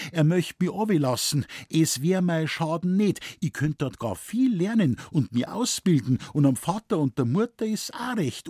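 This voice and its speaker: A man reads a story aloud, voicing an earnest young village girl in dialect as a full character voice pitched above his own. The result is fairly high, darkish in tone and slightly rough. The recording is clean studio sound with no room echo.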